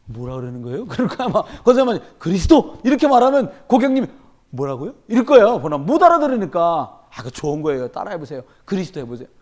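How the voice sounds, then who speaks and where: A man's voice: high voice, very fast, few pauses. A man, a pastor, preaching a sermon in church at a midweek service, talking emphatically and telling stories with humor. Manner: animated, emphatic, storytelling with humor.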